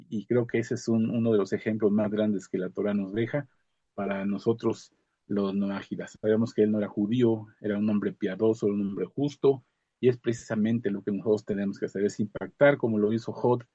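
A man gives a casual religious reflection to a study group, halting with many fillers and restarts. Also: on the low side, warm tone, dry recording, lo-fi sound. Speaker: study group member giving a comment.

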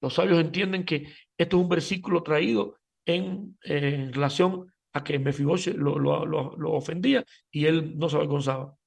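A man's voice: on the high side, steady tone, moderate pace, creaky, few pauses, slightly rough. A man giving a Talmud class lecture as a religious teacher, emphatic, speaking straight to his listeners and often stumbling over repeated words.

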